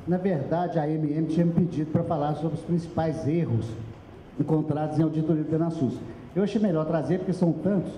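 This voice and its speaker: High-voiced man lecturing in echoey room. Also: a little fast, mellow, slight background noise. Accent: Brazilian Portuguese. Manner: emphatic, gesturing, directs slide operator. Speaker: speaker at a public accounting seminar. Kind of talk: explanatory presentation. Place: small meeting room with audience. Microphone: handheld microphone. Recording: echoey room recorded from afar, dull.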